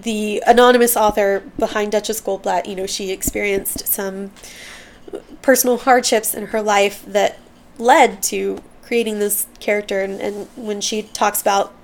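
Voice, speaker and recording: A woman's voice: mid-range voice, steady tone, a little slow, a little hiss or hum. A woman hosting a book podcast, reading excerpts aloud and then sharing heartfelt commentary that stumbles a little when she is moved.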